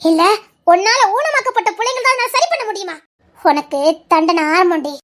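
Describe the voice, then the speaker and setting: An actress with a Tirunelveli Tamil accent playing a sharp-tongued, scolding mother in a family drama. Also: extremely high pitch, animated, fast talker. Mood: taunting. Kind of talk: dramatic serial acting.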